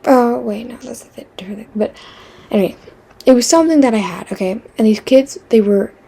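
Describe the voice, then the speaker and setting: A woman vlogger telling a casual, meandering storytime while she draws, full of fillers and self-interruptions, with wry deadpan asides. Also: a little high, a little fast, creaky, husky.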